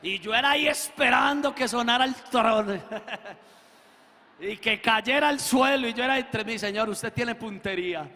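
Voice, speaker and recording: A man preaching a testimony in church, acting out the voices in his story and rising to shouts. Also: very high voice, measured pace. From Colombia. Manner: acts out quoted dialogue, swells to shouting. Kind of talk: sermon testimony. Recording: echoey hall with long reverb.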